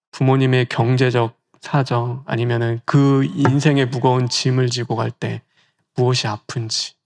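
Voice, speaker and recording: Male pastor, mid-pitched voice, chatty sermon delivery full of rhetorical questions, now and then slips away from the mic. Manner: conversational preaching with rhetorical questions.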